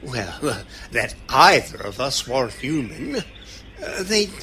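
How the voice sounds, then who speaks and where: An actor in an audio drama playing an eccentric, kindly, cheerful old time-travelling doctor who dithers through ums and broken phrases. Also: male voice, medium pitch, sing-song, slow pace, sharp tone, slight background noise, full character voice. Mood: awkward, reassuring.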